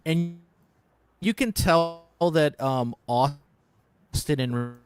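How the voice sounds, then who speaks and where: A man's voice: fairly high pitch, drawn-out words, smooth. A man giving blunt opinions in a casual panel chat over an online call whose audio keeps cutting out. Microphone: video call.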